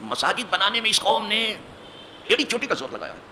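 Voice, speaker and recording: A mosque imam, seated at the pulpit, preaches forcefully in an Urdu hadith lesson. His male voice sits high with big pitch swings, and a faint hiss or hum runs underneath. He speaks emphatically, asks rhetorical questions, and rises to forceful peaks.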